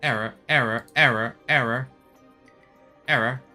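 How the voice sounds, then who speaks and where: A man streaming a game who voices a glitching robot stuck repeating error messages in a flat, chanting way. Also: medium pitch, unhurried, faint music behind. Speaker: gameplay streamer.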